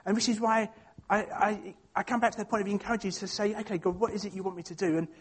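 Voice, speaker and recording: This is a man with an Essex accent and a notably high voice for a male speaker. He speaks informally to a church, telling personal anecdotes. His delivery is chatty and self-deprecating, often hesitating as he finds his way through a thought. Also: fairly even intonation, quick pace, husky. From Essex, England.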